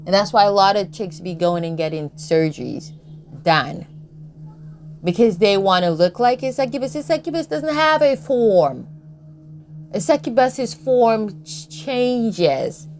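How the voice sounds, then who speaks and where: A woman's voice: medium pitch, animated, measured pace, a little mellow, a little hiss or hum. Blunt, emphatic woman ranting casually. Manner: blunt, emphatic, repeats "Okay?", swears freely. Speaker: tarot and astrology content creator. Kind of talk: casual spiritual commentary monologue.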